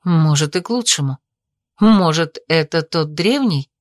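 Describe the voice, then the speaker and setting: A woman's voice: sits low, lively intonation, unhurried, dry recording, voice pushed down. A woman voicing a suspicious, demanding young female mage who questions everyone in an audiobook. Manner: indignant, demanding.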